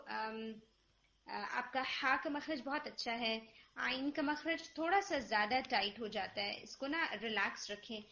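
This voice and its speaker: Woman, patient teacher, slightly high voice, video call. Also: pushed and bright. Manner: patient, corrective, models recited words slowly. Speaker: Quran recitation teacher. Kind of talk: online tajweed feedback lesson. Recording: dull lo-fi call audio.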